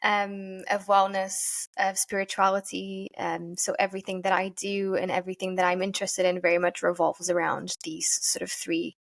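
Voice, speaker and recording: A woman's voice: mid-range voice, little pitch movement, moderate pace, vocal fry, hardly any pauses. Earnest woman. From Portugal. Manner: earnest, thoughtful, searching for words. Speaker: podcast guest, yoga teacher. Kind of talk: reflective interview answers.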